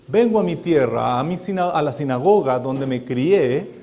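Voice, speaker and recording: A man voicing Jesus as a stern young man, who speaks slowly, gravely and with emphasis. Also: fairly high pitch, expressive, mellow, voice pushed down.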